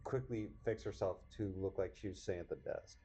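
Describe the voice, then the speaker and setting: A man's voice: low voice, a little fast, warm tone, husky. A young man co-hosting a podcast in casual chat, teasing his co-host and joking.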